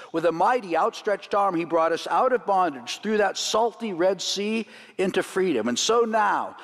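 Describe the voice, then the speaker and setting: A man with a slightly high voice leads a church congregation through a Seder plate, explaining each item. He teaches with light jokes and chuckles. His voice rings with a long reverb through the sanctuary. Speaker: rabbi leading a Seder demonstration. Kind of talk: sermon demonstration.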